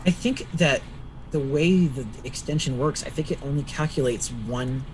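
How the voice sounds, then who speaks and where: A man with a medium-pitched voice talks casually as a tabletop player. He works out his moves aloud in a halting way, with faint noise in the background. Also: rough recording. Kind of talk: casual tabletop game chat.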